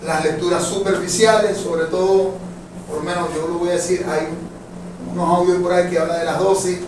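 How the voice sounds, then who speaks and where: A man with a high voice teaches a Bible class in a church hall, speaking in a level tone at normal speed. He talks conversationally, calls his listeners brothers, and often asks whether they agree and are following. The hall is very echoey, the mic is distant, and there's faint noise.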